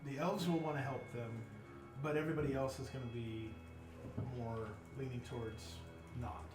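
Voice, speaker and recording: Guy brainstorming out loud for a story game, halting, echoey room, music in the background. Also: medium pitch, fairly even intonation, distant mic. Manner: thinks aloud with many ums and restarts. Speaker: player in a worldbuilding game. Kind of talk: casual group chat.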